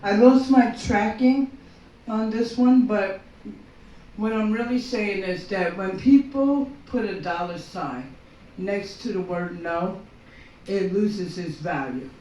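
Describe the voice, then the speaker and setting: A woman at an open mic, rambling through her set and forever asking the crowd if they follow. She takes her time, speaking slowly. Her voice reaches the mic from across a very echoey room. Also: medium pitch, mellow, far from the mic, highs cut off. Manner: rambling, keeps checking in with the crowd. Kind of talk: stand-up monologue.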